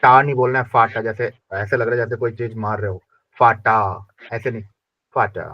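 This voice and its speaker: A man teaching a language class, drilling pronunciation slowly and repeating each word many times. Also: medium pitch, steady tone, muffled recording. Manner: slow repetitive drilling of pronunciation. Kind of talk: classroom lesson.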